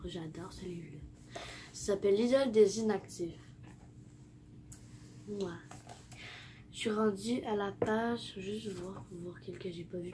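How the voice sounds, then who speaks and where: A woman's voice: mid-range voice, background noise. A teenage girl with a Québécois French accent who has the flu, giving rambling tips in a casual vlog and often dropping to a near-whisper. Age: teens. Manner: rambling, self-correcting, drops to near-whispers. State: sick with the flu. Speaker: vlogger.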